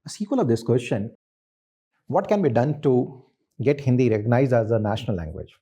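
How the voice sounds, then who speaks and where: A man's voice: medium pitch, lively intonation, fairly quick, mellow, husky, dull audio. A man with an Indian accent putting insistent, probing questions as an interview panellist.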